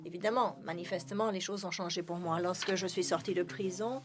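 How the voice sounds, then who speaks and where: A woman's voice: lowish voice, fairly even intonation, fairly quick, a crowd in the background. A woman giving live interpretation of a speech, with frequent hesitations and self-corrections. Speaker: simultaneous interpreter.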